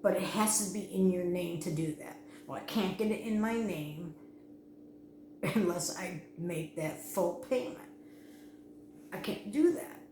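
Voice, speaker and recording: A woman's voice: on the low side, measured pace, a little mellow, slight background noise. A middle-aged woman vlogging casually, anxious and rambling, restarting her sentences often. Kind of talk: casual personal vlog. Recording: echoey room with faint ambience.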